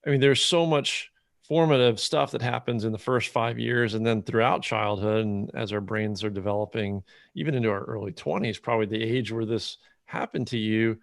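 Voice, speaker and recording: A man's voice: fairly low pitch, fairly even intonation, normal speed, vocal fry, no room sound, clean studio sound. A man hosting a podcast, asking thoughtful questions with hesitant false starts. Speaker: podcast host. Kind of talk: interview questions.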